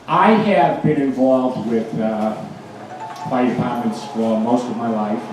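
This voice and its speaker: A plain-spoken American man in his sixties with a Boston accent, a fire protection engineer and town mayor appearing as a guest speaker, gives an informal yet emphatic public speech. His mid-range voice moves slowly, and the recording is very echoey, with a distant mic and faint noise.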